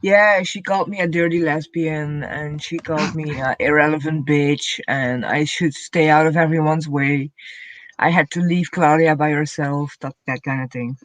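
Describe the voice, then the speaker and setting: A woman's voice: sits low, fairly even intonation, moderate pace, no echo. A woman in a casual online group chat who speaks in a plain, matter-of-fact way.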